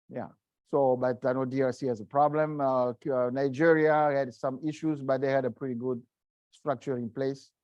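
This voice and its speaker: A middle-aged man, a guest speaker, answering seminar questions in a halting way, often searching for words. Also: medium pitch, a little mellow, dry recording, muffled recording. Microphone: video call.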